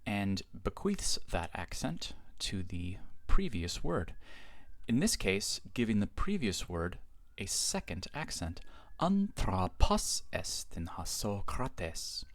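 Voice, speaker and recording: A man teaching a recorded grammar lesson in a measured, explanatory way, reading each example form slowly. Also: medium pitch, dry recording. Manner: measured, explanatory, reads Greek forms slowly. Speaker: Greek teacher.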